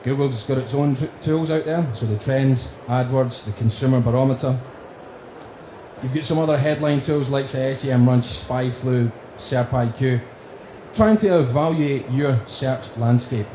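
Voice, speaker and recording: Mellow Scottish man in an echoey room. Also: medium pitch, normal speed. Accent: broad Scottish. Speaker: conference speaker, company director. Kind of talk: prepared conference presentation. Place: indoor conference room. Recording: roomy, echoing venue with faint noise.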